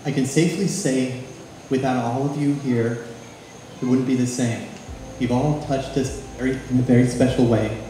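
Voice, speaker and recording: A man, the groom, giving an earnest, slightly halting thank-you toast at his wedding reception in a string-lit barn. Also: mid-range voice, fairly even intonation, warm tone, a little hiss or hum. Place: open-sided wedding barn with string lights. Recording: echoey barn hall over the PA.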